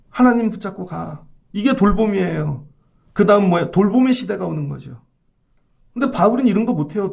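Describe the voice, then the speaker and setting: Gravelly high-voiced preaching man. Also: darkish tone. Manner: emphatic, rhetorical questions to the congregation. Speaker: pastor. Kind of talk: sermon.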